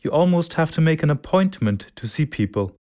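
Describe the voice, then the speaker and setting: A man's voice: on the high side, expressive, brisk, a little mellow, lightly acted. A man voicing a wistful newcomer from Vietnam. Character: person from Vietnam, missing village neighbors. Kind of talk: scripted testimonial for a listening test.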